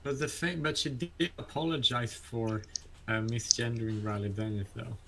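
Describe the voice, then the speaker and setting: A man's voice: medium pitch, steady tone, normal speed, creaky, bright, forceful tone. A hesitant, polite man chatting in a group discussion on a noisy recording.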